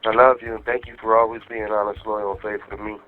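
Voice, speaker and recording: A low-voiced man rattles off his words quickly on a prison phone. His casual, slangy talk comes through a thin, tinny jail phone line. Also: level tone. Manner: fast, slangy, affectionate. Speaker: jail inmate calling his wife. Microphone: jail phone handset.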